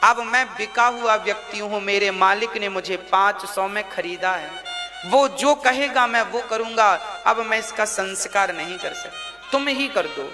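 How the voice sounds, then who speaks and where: A preacher playing a stern, duty-bound fallen king. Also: high-pitched. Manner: firm, measured. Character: humbled king turned cremation-ground guard, stern, duty-bound man. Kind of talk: devotional storytelling. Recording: long hall reverb with music behind.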